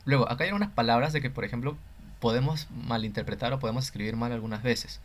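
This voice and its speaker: A man's voice: medium pitch, quick pace. Hesitant Peruvian Spanish man lecturing. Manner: hesitant, frequent fillers and self-corrections. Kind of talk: recorded lecture on scientific writing.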